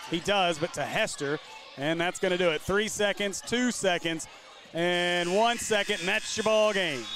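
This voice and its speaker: A man with a high voice calls basketball play-by-play live from a gym. He runs through the action quickly. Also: background noise. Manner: quick, running call of the action. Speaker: play-by-play commentator.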